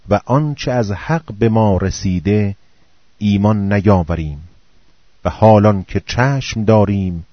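Solemn low-voiced man reading scripture. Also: no echo. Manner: slow, solemn recitation in short phrases. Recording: dull, muffled dry recording.

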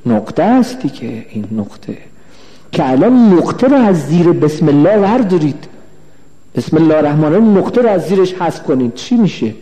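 A male cleric giving a religious lecture, slow and emphatic, repeating phrases and asking the audience questions. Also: a little high, big pitch swings, warm tone. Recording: long hall reverb.

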